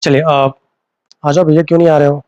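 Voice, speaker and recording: A man's voice: a little high, flat delivery, a little fast, darkish tone, no room sound, highs cut off. A man teaching a live online class, repeating key terms as questions to his students and mixing in English. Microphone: phone.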